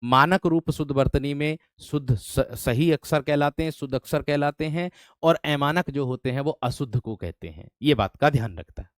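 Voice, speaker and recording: A man teaches a grammar class for exam candidates, his voice smooth and resonant. The sound is dry and close, with no room echo. He keeps asking the students whether they have followed, and he drags out single words as he writes them on the board. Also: on the high side. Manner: repeats words slowly while writing on a board; asks the students frequent check-in questions. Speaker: Hindi teacher. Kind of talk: online exam-prep class.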